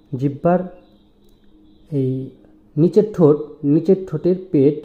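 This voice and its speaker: A man teaching Quranic letter pronunciation in a slow, patient lesson, drawing out each sound as he demonstrates it. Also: fairly high pitch. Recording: roomy, dull lo-fi sound.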